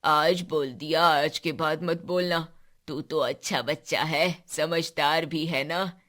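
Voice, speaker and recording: Old ex-soldier grandpa in a cartoon, slow and fond, voiced by a woman. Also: low-pitched, fairly even intonation. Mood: gentle. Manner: slow, fond, scolding then gentle. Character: elderly grandfather, former soldier, sentimental.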